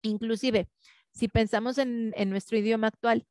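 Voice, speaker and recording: A woman's voice: a little high, fairly even intonation, moderate pace, darkish tone, dry recording, studio quality. A woman teaching a class in a conversational way, often checking in with tag questions. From Mexico. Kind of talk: online class lecture.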